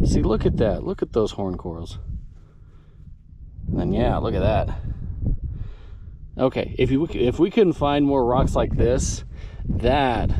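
Heavy background noise surrounds a medium-pitched male rockhounding vlogger as he enthusiastically presents fossils and cut rocks to viewers, handling them while he chats in casual show-and-tell. He films outdoors at a mine site and a backyard with an action camera mic.

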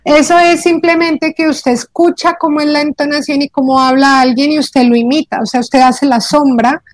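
A woman explains language tips in an animated, teacherly way, acting out how her students speak. Her voice sits high. The sound is dry and close, with no room around it. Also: normal speed, no echo. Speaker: Korean teacher and host. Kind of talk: casual panel chat.

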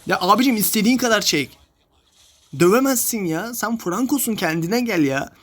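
A man's voice: sits high, animated, moderate pace, fairly bright tone. A young man talks over his own mobile gameplay in a casual, running commentary. He keeps ranting in exasperation at his teammates, sighing and scolding as the match goes wrong. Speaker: mobile game streamer.

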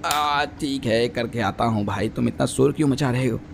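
A man voicing a grumbling male toy JCB digger in a low, slow voice. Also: gravelly, a little hiss or hum, close to an everyday voice.

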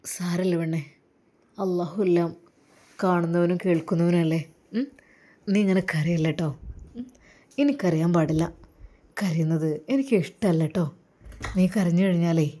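A woman performs a gentle widowed male religious teacher for a spoken story drama. The voice is mellow and warm, and the delivery is soft and coaxing. He reassures in a tender, unhurried way. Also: on the low side. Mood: soothing.

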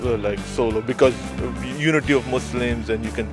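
A man's voice: mid-range voice, brisk, music in the background. A young male student answering street interview questions outdoors, hesitant with many fillers and restarts. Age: young adult. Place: outdoors on a city street by trees. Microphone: handheld shotgun mic held by interviewer.

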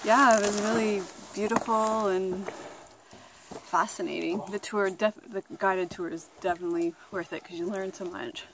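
A cheerful woman sums up a cave tour with eager enthusiasm. Her voice sits at a middle pitch for a woman. Faint outdoor noise lies behind her. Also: steady tone, moderate pace, fairly bright tone. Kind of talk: casual chat.

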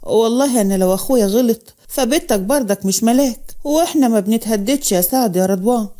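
A woman's voice: a little high, fast, mellow, close to an everyday voice. A woman with an Egyptian accent voicing an arrogant young village man who talks in a bored, dismissive way.

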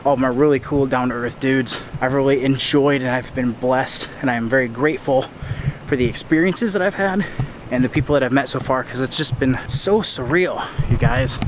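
Holding his camera at arm's length, a young adult American vlogger and tour videographer chats casually but earnestly as he walks a noisy town street at night. He speaks at a medium pitch and moderate pace.

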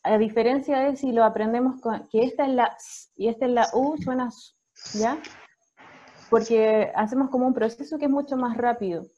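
Chilean woman teacher, patient, slightly high, muffled line. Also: fairly even intonation, fairly quick, mellow. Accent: Chilean Spanish. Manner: patient, checks in with frequent "¿ya?". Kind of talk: explaining phonics to parents.

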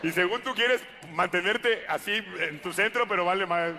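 A man's voice: sits high, normal speed, bright, forceful tone, a little hiss or hum. A man with a Mexican Spanish accent doing a stand-up comedy routine, full of crude slang and acted-out quotes.

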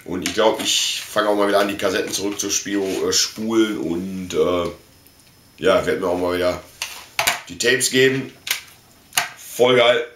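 In an echoey little room packed with collectibles, with faint noise and clicks in the background, a German vlogger in his forties does a casual unboxing chat. His voice is low and fairly bright, at a moderate pace with frequent pauses, and his talk is slangy, colloquial, and enthusiastic.

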